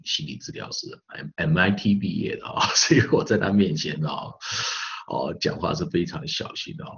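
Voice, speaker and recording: Male English teacher in his forties, very low voice, chatty and repetitive, slows down to sound out words; slightly dull lo-fi recording. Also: creaky, fairly bright tone. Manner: chatty, repeats phrases with filler particles; spells and sounds out words slowly. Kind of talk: recorded online English lesson.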